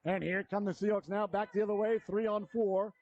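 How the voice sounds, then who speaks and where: A middle-aged man calling live hockey play-by-play as an announcer, folksy and excitable, with colourful slang. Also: high-pitched, a little fast, lo-fi sound.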